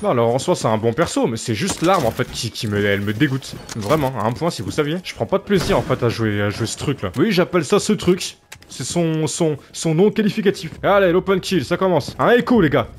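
A man commenting on his own gameplay in a casual, animated way, his slightly high voice swinging up and down as he grumbles at his teammates. He sounds exasperated and talks straight to his viewers. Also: brisk, a little hiss or hum. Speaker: gaming video creator. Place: home gaming setup.

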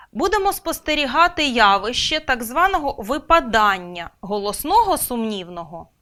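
Жвава вчителька з яскравим високим голосом. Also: female voice, a little high, bright, forceful tone. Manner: clear, deliberate, stresses words. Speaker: teacher. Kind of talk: scripted grammar lesson.

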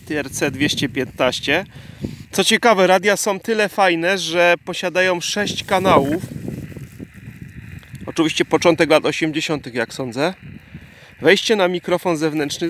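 Higher-voiced Polish man, noisy outdoor recording. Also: fairly bright tone. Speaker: vintage radio enthusiast presenting his gear. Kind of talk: casual product showcase. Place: outdoors in a dry grassy field. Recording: clear noise from outdoors.

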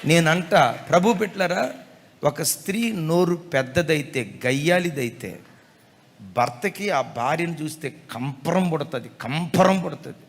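A man's voice: on the high side, lively intonation, unhurried, gravelly. A man, a pastor, preaching a sermon emphatically, repeating key phrases and mixing in folksy humor. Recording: echoey hall reverb.

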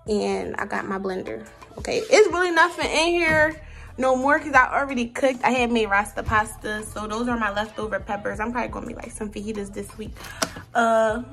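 A woman's voice: a little high, a bit bright. A young woman, a college freshman, giving a casual tour of her dorm room and listing her things for her viewers. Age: young adult. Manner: chatty, listing items, addresses viewers as y'all. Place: small dorm room indoors.

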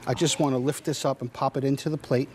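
A man's voice: medium pitch, fairly even intonation, fast. A middle-aged man, a chef giving an enthusiastic, emphatic home shopping demonstration. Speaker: chef, culinary consultant demonstrating a product. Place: kitchen set in a TV studio.

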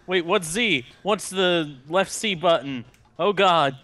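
A man's voice: high-pitched, takes it slowly, bright, forceful tone, no room sound, soft background music. Chatty young man, very dry close sound. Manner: chatty, shares trivia, laughs easily. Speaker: let's play co-host. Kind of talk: casual gaming chat.

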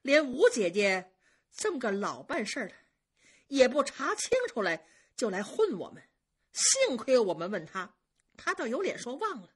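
A woman's voice: on the high side, big pitch swings, moderate pace, husky, pitched above the performer's own voice. A woman storyteller voicing a proud young noble lady who speaks in a cold, mocking way. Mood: sarcastic.

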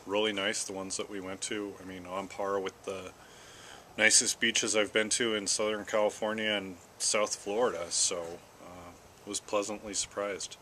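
A middle-aged American vlogger rambles casually to the camera in his backyard garden, speaking slowly and haltingly and puffing on a pipe between phrases. His voice is low, bright and forceful. The camera sits about arm's length away or a bit farther, and outdoor background noise comes through clearly.

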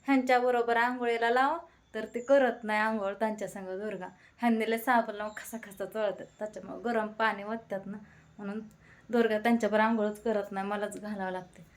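A woman vlogger. She chats easily to her viewers and runs through her chores and phone calls in everyday, conversational speech, with a pitch in the middle range. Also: steady tone, fairly quick. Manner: chatty, recounting conversations. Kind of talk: casual home vlog.

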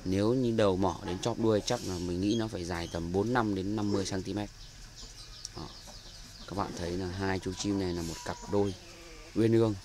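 A man's voice: deep voice, steady tone, fairly quick, background noise. A man with a Northern Vietnamese accent giving a chatty, filler-heavy walkthrough of his bird aviary outdoors, recorded on a handheld camera. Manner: chatty, many fillers and repeated words. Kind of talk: casual walkthrough narration. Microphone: handheld camera mic.

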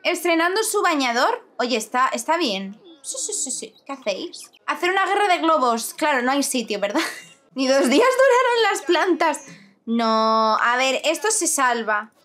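A young woman with an accent from Spain, giving lively, exclaiming commentary on a life-sim game to her viewers. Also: high-pitched, normal speed. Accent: Spanish from Spain. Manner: expressive, exclaiming, talks to her audience. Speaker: gaming streamer. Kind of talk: gaming commentary.

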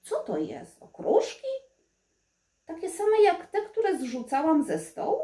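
A woman voicing a spoiled young princess turned into a crow, cawing in a high plaintive voice. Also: expressive, slow pace, full character voice. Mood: worried. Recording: roomy echo.

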